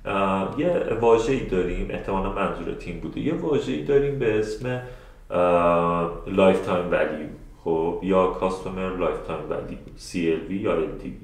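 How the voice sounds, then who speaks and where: A man running a live webinar class, with a somewhat low voice, speaks in a loose, chatty way full of filler sounds and restarts. He turns straight to his listeners to take their questions. His computer mic picks up a strongly echoing room. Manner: addresses the audience directly and answers their questions. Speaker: webinar instructor. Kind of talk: live online teaching. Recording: very echoey room.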